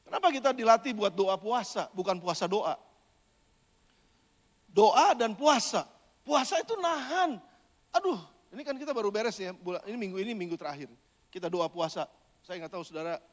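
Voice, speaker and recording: A male pastor, preaching a lively, conversational sermon and sharing a personal testimony with the congregation. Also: sits high. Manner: animated, conversational, addresses congregation as "saudara". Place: church sanctuary. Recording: long church reverb.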